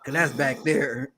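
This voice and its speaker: A man joking and giving shout-outs on a casual sports podcast, laughing often. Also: mid-range voice. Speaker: podcast co-host.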